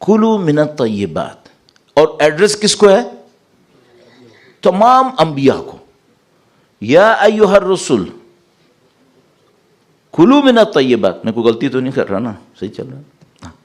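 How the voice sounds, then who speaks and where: A man's voice: fairly high pitch, long pauses. A man giving a sermon as a cleric, explaining verses and asking his listeners rhetorical questions. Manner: lively, rising sharply when reciting Arabic verses; asks the audience rhetorical questions. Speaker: Shia cleric.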